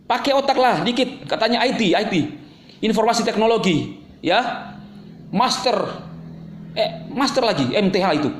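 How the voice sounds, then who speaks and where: High-voiced man ranting in an echoey room. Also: animated, moderate pace, a little hiss or hum. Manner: scolding, sarcastic, confrontational. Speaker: YouTube channel host. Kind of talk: angry ranting monologue to camera.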